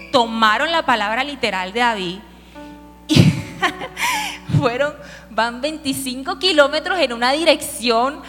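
A woman preaching a sermon, telling a story with lively asides and questions to the audience. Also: high voice. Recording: hall reverb with faint music.

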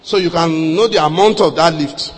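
A man with a Nigerian accent preaching a sermon as a pastor, telling a story and acting out dialogue, swinging between quiet and loud, with some Yoruba mixed in. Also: a little high, moderate pace, slightly rough. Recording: long echo in a large hall.

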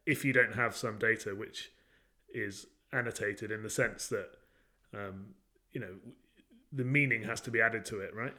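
A man's voice: fairly low pitch, steady tone, moderate pace, bright, forceful tone. A man in casual chat as a podcast co-host, asking thoughtful questions with many fillers and restarts.

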